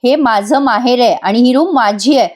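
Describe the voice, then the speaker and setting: A woman's voice: on the high side, normal speed, darkish tone, natural voice. A woman reading the part of an upset, hurt young wife pouring out her grievances. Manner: upset, complaining.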